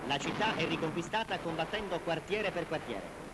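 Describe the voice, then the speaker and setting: This 1940s propaganda newsreel features an Italian narrator whose high-leaning voice is expressive yet solemn, formal, and declamatory, at normal speed. Heavy background noise and loud music fill the vintage soundtrack.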